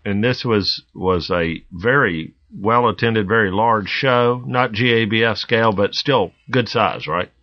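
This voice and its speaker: A man hosting a casual podcast chat, easygoing and quick to laugh. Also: on the low side, lo-fi sound. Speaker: podcast host.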